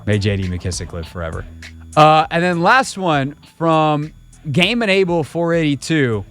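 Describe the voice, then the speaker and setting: A male sports radio host in casual chat, reading listener comments and mocking them. His voice sits fairly high. Faint music plays underneath. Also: sing-song, unhurried, fairly bright tone. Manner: sarcastic, mocking.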